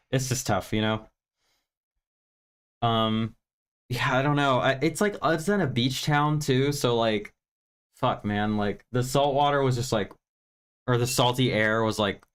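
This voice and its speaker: This medium-pitched man has a fairly bright, clean voice. A livestream film review host from Virginia in the United States, he's tired and recovering from sinus congestion, and he chats casually in a rambling, candid, self-deprecating way with some swearing.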